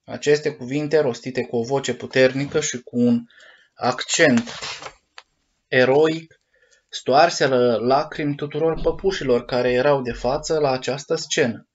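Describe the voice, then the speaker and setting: A man narrating a children's storybook in an expressive, measured reading. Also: medium pitch, highs cut off, a little hiss or hum. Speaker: audiobook narrator.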